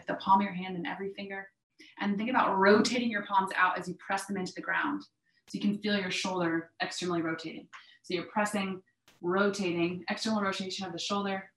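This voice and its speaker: A woman instructor guiding a stretching class with breathing cues in a calm, measured, step-by-step manner. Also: mid-range voice. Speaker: yoga and mobility instructor. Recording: echoey, roomy sound.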